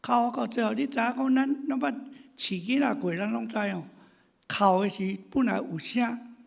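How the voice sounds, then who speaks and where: A man preaching a sermon as pastor, telling stories in an animated way and swinging between loud exclamations and hushed asides. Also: extremely high pitch, moderate pace, vocal fry. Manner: animated storytelling, acting out his congregants' complaints.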